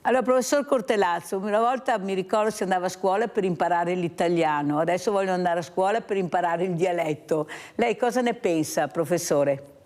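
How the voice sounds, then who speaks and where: A woman hosting a regional morning talk show, briskly introducing reports and putting chatty questions to a guest professor. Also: fairly low pitch, a little mellow.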